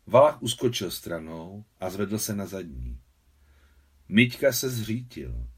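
Husky-voiced man reading a novel aloud. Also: fairly low pitch. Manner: expressive storytelling. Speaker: translator reading his translation. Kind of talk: audiobook reading.

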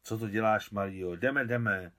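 An earnest young village man from a storybook reading, as a man reads him, pleading urgently in a low, plain voice close to the reader's own. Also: fairly bright tone, natural voice.

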